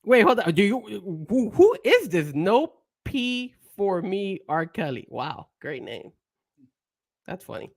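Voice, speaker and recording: His voice sits high and is very animated, though he speaks slowly; the studio-quality recording has no echo. As co-host of a laid-back wrestling show, he launches into heated rants with swearing, rhetorical questions, and frequent laughter.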